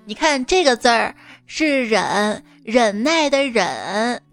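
A woman plays a mother and comic storyteller, coaxing a child in playful, scripted chat. Her voice is on the high side and very animated but slow, with background music under it.

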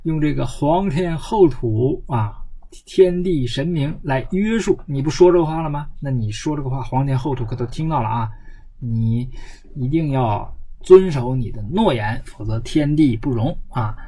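A man lecturing on a classical text. He reads it slowly, then explains it in plain words, asking himself questions and answering them. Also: medium pitch, animated, mellow, slightly rough, poor audio. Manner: asks himself questions and answers them, with many drawn-out filler particles. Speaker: lecturer on classical Chinese history.

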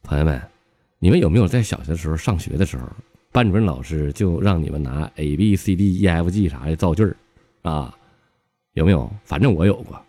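A low-voiced man telling jokes in a broad Northeastern Mandarin accent, his pitch swinging wide as he mimics the people in his stories. He chuckles at his own punchlines and keeps an easy comic storyteller's rhythm. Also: a little fast. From Northeast China. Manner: lively, laughing at his own jokes, jumps pitch for quoted characters. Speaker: comedy show host.

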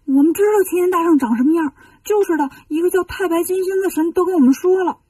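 A woman's voice: very high-pitched, quick pace, dark tone, no echo, distant mic, voice pushed up. A woman voicing a group of frightened male monks in a children's storybook, speaking in a worried, pleading manner. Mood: excited.

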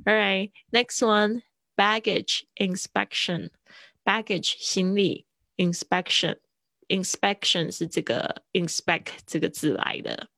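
A woman teaching English vocabulary on a livestream, mixing English words into chatty Chinese explanations and slowly drilling pronunciation. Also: medium pitch, vocal fry, fairly bright tone, no echo, studio quality. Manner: laughs easily, drawn-out word drills.

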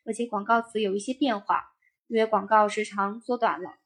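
A woman narrating a first-person memoir in a steady, even reading voice. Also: mid-range voice, fairly quick.

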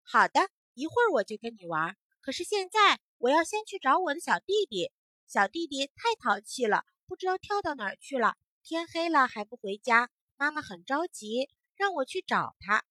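A woman voicing a small, hurried grasshopper searching for its little brother, chattering in a rush. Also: high voice, very animated, pushed and bright, no echo, clean studio sound, voice pushed up, heavily acted. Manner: rushed, breathless chatter.

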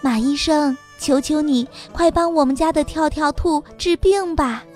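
A woman's voice: sits high, measured pace, darkish tone, faint music behind. A woman voicing an insistent, emphatic mother rabbit in a children's storybook. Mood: pleading. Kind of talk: storybook character voice.

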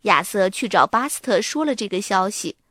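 A woman narrating a picture book to young children in a lively storytelling manner. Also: mid-range voice, normal speed, dry recording, clean studio sound.

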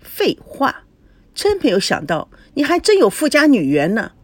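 女声演绎的 娇嗔俏皮的年轻女子. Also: female voice, high voice, huge pitch swings, moderate pace, breathy edge, dry recording, full character voice. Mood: teasing. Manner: teasing, coquettish.

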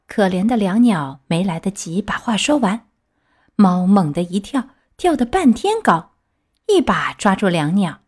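Lively woman storyteller. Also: mid-range voice, measured pace, slightly rough. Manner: expressive, lively. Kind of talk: storybook reading.

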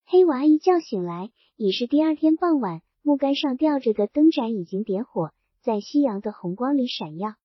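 A woman reads a novel aloud as narrator, keeping her telling steady and measured. Her voice is high and husky. The recording is dry and close, with a dull, lo-fi sound. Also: no echo.

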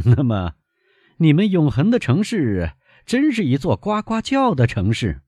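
A man reading aloud, voicing an impulsive, spirited young gentleman who exclaims eagerly. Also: fairly high pitch, wildly swooping pitch, a little slow, husky, no room sound, clean studio sound, voice pushed up, heavily acted.

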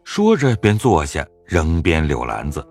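A narrator telling a classic novel in measured scripted narration, with a husky voice. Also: extremely low pitch, faint music behind. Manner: measured storytelling with lively rise and fall.

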